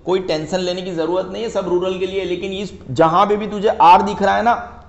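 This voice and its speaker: A man's voice: high-pitched, steady tone, fairly quick. A male economics tutor giving a playful classroom lecture, joking and teasing an imagined student and mixing English terms into his talk. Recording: echoey, dull lo-fi room.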